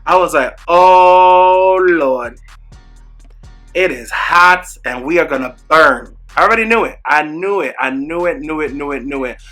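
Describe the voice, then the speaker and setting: A young man tells a storytime vlog from a room at home, animated and emphatic, often turning aside to address his viewers. His voice sits a little high and sounds bright and forceful. Soft music plays faintly behind him. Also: measured pace. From New York. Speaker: small business owner vlogging. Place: home room with product shelves.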